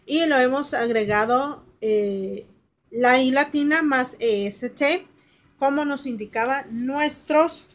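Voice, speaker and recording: A woman teacher explaining English grammar rules in Spanish, reading example sentences slowly and translating them, with fillers and self-corrections. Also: sits high. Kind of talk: recorded grammar lesson.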